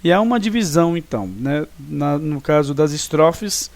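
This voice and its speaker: A teacher from Brazil giving a recorded lesson, explaining patiently and stopping often to check that students follow. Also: male voice, on the high side, lively intonation, gravelly, darkish tone, no echo. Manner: explanatory, checks understanding with frequent tag questions; counts syllables slowly and deliberately.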